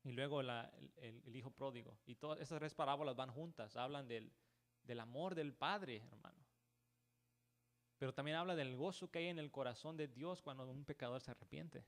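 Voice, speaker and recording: A man's voice: medium pitch, normal speed. A man preaching a church sermon who keeps calling the listeners "brother" and asking "right?", often restarting words and mixing in English words. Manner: peppers talk with "hermano" and "¿verdad?".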